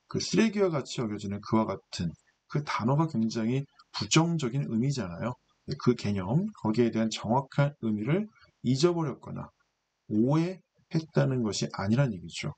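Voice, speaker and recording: Husky-voiced man teaching English grammar. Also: medium pitch. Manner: patient, explanatory, asks and answers his own questions. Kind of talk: lecture explaining English grammar.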